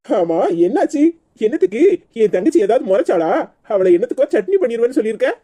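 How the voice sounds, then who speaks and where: A woman's voice: a little high, very animated, fast, mellow. A woman voicing a teasing young husband. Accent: Tirunelveli Tamil.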